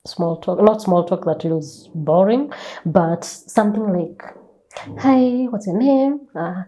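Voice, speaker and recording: Speaking slowly in a dark, medium-pitched voice, this Kenyan guest author shares stories emphatically during an interview. She repeats phrases and asks rhetorical questions in lively conversational storytelling.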